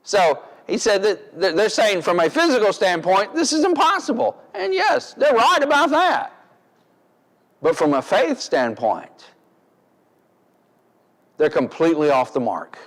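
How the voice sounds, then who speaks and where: Preacher, male, high voice, deliberate emphatic sermon delivery, recorded with a long church-hall reverb. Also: expressive. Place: church sanctuary.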